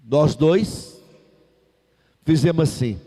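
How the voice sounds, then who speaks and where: Brazilian guy preaching a sermon, high-pitched, keeps calling for the crowd to repeat, long echo like a big hall. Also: slow, mellow. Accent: Brazilian Portuguese. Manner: emphatic, repetitive call-and-response preaching.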